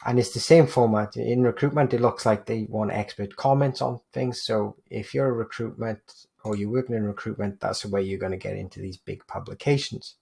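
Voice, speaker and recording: A man with a low, gravelly and slightly husky voice talks through a screen-share tutorial. He explains step by step as he points out examples on screen. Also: darkish tone. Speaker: digital PR agency presenter.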